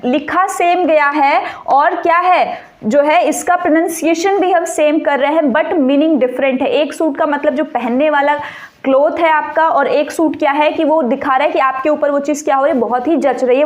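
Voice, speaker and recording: A woman teaching an exam-prep grammar lesson, mixing English terms into her explanations and turning key points into quick questions for the viewer. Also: high-pitched.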